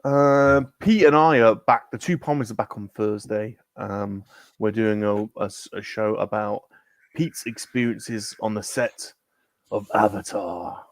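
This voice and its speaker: A man's voice: on the low side, unhurried, no echo, studio quality. A British man hosting a casual live-stream chat, chatty and laughing often. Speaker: host.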